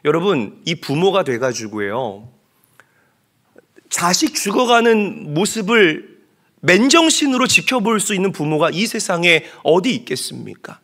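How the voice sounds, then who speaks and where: A man preaching a sermon as a pastor, swinging between loud impassioned cries and hushed storytelling. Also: high voice, sing-song, a little slow.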